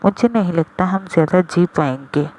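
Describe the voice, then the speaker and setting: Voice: medium pitch, normal speed, darkish tone, natural voice, poor audio. A reader voicing a timid, easily frightened young bride who pleads and sulks. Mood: nervous. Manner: nervous, pleading, sulky.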